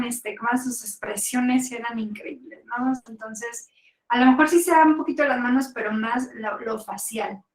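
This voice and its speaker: Woman student, hesitant, far from the mic in an echoey room. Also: a little high. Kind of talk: casual classroom answer.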